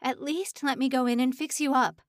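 A woman's voice: sits high, fairly even intonation, moderate pace, dry recording, clean studio sound, pitched above the performer's own voice, natural voice. A woman voicing a fussy, doting middle-aged mother figure in a storybook reading. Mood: fussing. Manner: doting and insistent.

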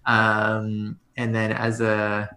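A man's voice: lowish voice, monotone, extremely slow, bright, forceful tone, echoey room. A man talking as a podcast guest about running tabletop games, rambling and hedging with many restarts. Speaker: podcast guest, game master. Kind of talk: casual conversation.

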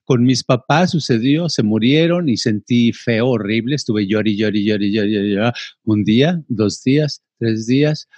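Husky older man, rambling. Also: medium pitch, normal speed, darkish tone, no room sound. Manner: rambling, with filler sounds like "ta, ta, ta". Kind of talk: casual conversation.

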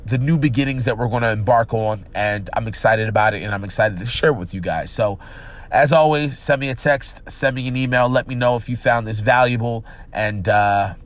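A man's voice: mid-range voice, moderate pace. A man with a stuffed-up, nasal voice giving earnest, casual advice on working together at the executive level, often repeating and restarting his phrases. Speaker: business executive vlogger. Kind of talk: casual direct-to-camera advice.

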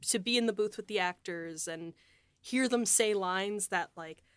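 In a casual, reflective group chat, this young podcast co-host, who is also a writer and producer, speaks in a smooth, medium-pitched voice at an unhurried pace. She's effusive and her phrasing is hesitant, full of "like", and the audio has no echo.

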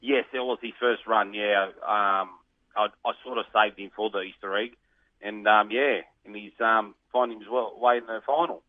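A man's voice: fairly low pitch, steady tone, normal speed, no room sound. An Australian man with a plain, colloquial tradesman's way of talking, giving a casual interview as a greyhound trainer. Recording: narrow, muffled phone-line sound.

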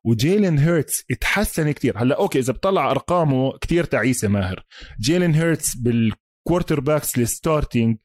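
A man's voice: medium pitch, lively intonation, fast, darkish tone, dry recording, studio quality. A man with a Palestinian Arabic accent chatting casually about sports as a podcast host, emphatic and repeating himself, mixing in English terms.

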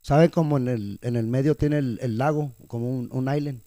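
Man, young adult, casual storyteller, slips in English words, dark tone, dry sound. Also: mid-range voice, moderate pace, no room sound. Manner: animated, mixes English words into Spanish slang. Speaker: guest telling a story.

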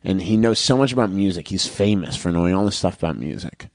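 A man's voice: sits low, lively intonation, a little mellow, no room sound, clean studio sound. A man co-hosting a podcast in casual chat, talkative and laughing often. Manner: chatty, laughs often, does quick mock voices. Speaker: podcast co-host.

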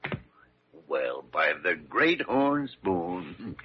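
An actor playing a crusty, teasing, folksy senior hospital doctor in a 1940s radio drama. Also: male voice, deep voice, big pitch swings, very slow, a little hiss or hum, full character voice. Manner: folksy, colourful exclamations. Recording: muffled old radio recording.

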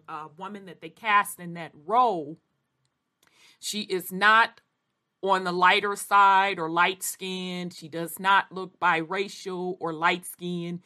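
A woman's voice: lowish voice, sharp tone. A woman presenting informal commentary as a host, stressing key words emphatically and often checking in with the listener. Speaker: host of a history commentary show.

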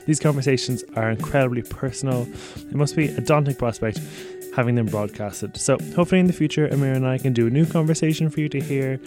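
A male host with a medium-pitched voice opens the show and then guides the conversation. He asks friendly questions with easy fillers and loose phrasing. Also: quick pace, over music. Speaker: podcast host. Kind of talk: scripted intro and interview questions.

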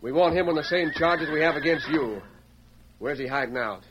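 A man acts a stern, authoritative sheriff in a radio western. His voice is fairly high, with folksy, barked orders. The recording is dull, with some noise. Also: normal speed, a bit bright, close to an everyday voice. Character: firm, authoritative Wild West sheriff. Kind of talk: old-time radio western acting.

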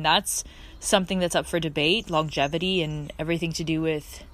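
A woman's voice: lowish voice, a bit bright. A woman hosting a casual, reflective podcast from her backyard, speaking in an earnest, effusive way. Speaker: podcast host. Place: outdoors in a backyard.

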